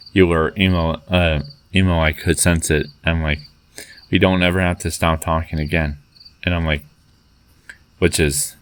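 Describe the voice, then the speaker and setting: Deep, flat-voiced man rambling haltingly. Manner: halting, many fillers and restarts. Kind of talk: rambling personal story, reading out chat messages.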